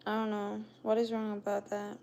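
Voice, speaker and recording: A young woman with a non-native English accent hosts a casual livestream, chatting with viewers and greeting them by name. Her medium-pitched voice is gravelly and darkish, completely flat, at normal speed, with slight background noise.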